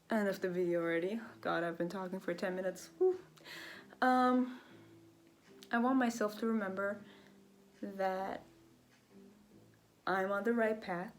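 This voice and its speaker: A young woman vlogging in a casual, rambling way, full of fillers as she thinks aloud. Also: mid-range voice. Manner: chatty, rambling, lots of fillers. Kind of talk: casual reflective vlog. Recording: faint jazz music behind. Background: faint jazz music.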